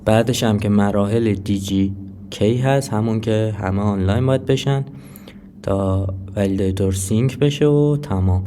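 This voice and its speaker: A man's voice: fairly low pitch, mellow, slight background noise. A man giving a casual screen-recorded tutorial, talking viewers through each step with frequent hesitations and filler sounds. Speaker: crypto tutorial presenter.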